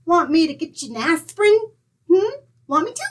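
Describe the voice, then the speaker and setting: A woman's voice: extremely high pitch, very animated, normal speed. Teeny, an eager little girl. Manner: childlike wheedling, ends lines with "mister?". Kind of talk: 1940s radio acting.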